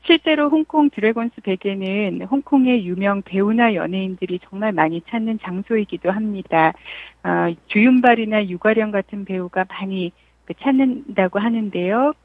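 A woman's voice: mid-range voice, moderate pace, dry recording. A woman correspondent phoning in to a radio show to give a polite, friendly travel report. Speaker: Hong Kong correspondent. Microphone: telephone. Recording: tinny, dry phone line.

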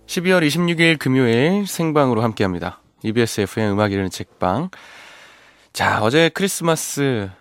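Faint guitar accompanies a ballad singer hosting a live radio show in a studio. His mid-range voice moves fairly quickly in a dry recording as he chats casually between listener messages, relaxed and self-deprecating.

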